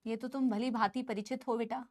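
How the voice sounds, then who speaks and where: A woman's voice: a little high, steady tone, brisk. A woman with an Indian accent teaching a biology class, mixing Hindi and English and coaxing her students as beta. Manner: says she usually shouts in class. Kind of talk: online class lecture.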